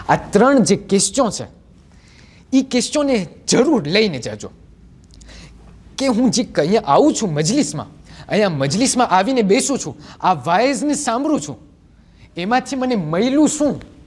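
A seventeen-year-old young man giving a religious sermon to a gathering, telling the story with animated delivery and rhetorical questions. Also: sits high. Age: 17, teenage. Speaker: majlis preacher.

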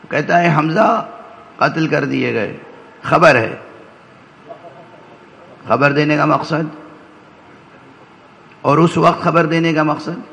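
A man's voice: mid-range voice, creaky, pushed and bright, low-quality recording. A man giving a religious lecture to a gathering, explaining step by step and checking in with listeners through short rhetorical questions. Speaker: religious scholar addressing a majlis.

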